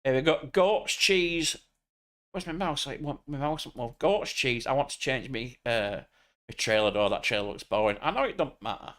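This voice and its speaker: A man's voice: medium pitch, lively intonation, moderate pace, a bit bright. An English man streaming a truck driving game, chatting casually with crude, joking banter. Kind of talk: casual gaming chat.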